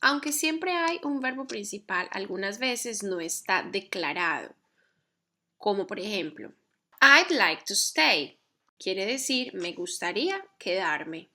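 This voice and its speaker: A woman teaching a grammar lesson, explaining carefully and reading example sentences slowly. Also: medium pitch, animated, bright, forceful tone. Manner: measured, reads English examples slowly and carefully. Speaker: English teacher.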